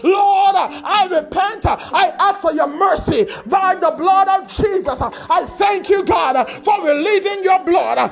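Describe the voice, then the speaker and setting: A man leading a fervent prayer, shouting short repetitive phrases with an "uh" before nearly each one. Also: very high-pitched, slow pace, vocal fry, few pauses. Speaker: prayer leader.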